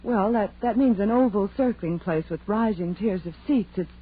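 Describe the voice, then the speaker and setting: A woman's voice: medium pitch, moderate pace, breathy edge, close to an everyday voice. An actress playing a sensible young woman with a precise, explanatory manner in an old-time radio drama. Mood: instructive. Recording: tinny old radio recording with hiss.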